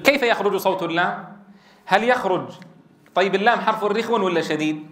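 A man's voice: high voice, a little fast, echoey room. A middle-aged man teaching a classroom lesson, explaining and quizzing his students and drilling sounds aloud. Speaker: Quran recitation teacher.

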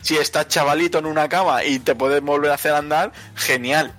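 A man, chatting casually as a podcast co-host. His voice is bright and sits a bit high, and his talk is lively and joking with casual swearing. Faint music plays underneath. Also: brisk.

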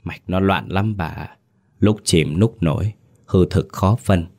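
A man's voice: deep voice, takes it slowly, creaky, a little mellow, full character voice. A man voicing an older male village healer, grave and sorrowful, in a spoken ghost story.

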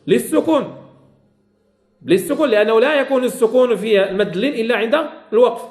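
A man's voice: very high-pitched, fast, darkish tone, echoey room. A man teaching a classroom lesson on Quran recitation rules, repeating key phrases and quizzing his students.

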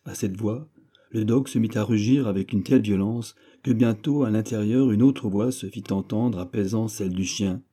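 A man reading a classic novel aloud as an audiobook, steady and measured. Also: fairly low pitch. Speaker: audiobook reader. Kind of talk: scripted narration of a classic novel.

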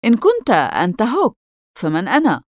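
A woman voicing a blustering, vain pirate captain with a booming, commanding way of talking in a storybook reading. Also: huge pitch swings, brisk, darkish tone, no echo, studio quality. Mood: wary.

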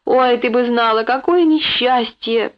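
A young boy, frightened yet stubborn, performed by a woman reader with a raised, childlike pitch. He cries out breathlessly and pleads. The recording sounds dull and lo-fi. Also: takes it slowly, natural voice. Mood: distressed.

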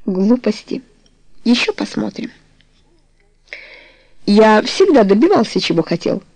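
A woman's voice: mid-range voice, sing-song, a little slow, a little mellow, no room sound, poor audio. A woman voicing a remorseful, passionate older man in a storybook reading, speaking earnestly and tenderly. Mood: assured.

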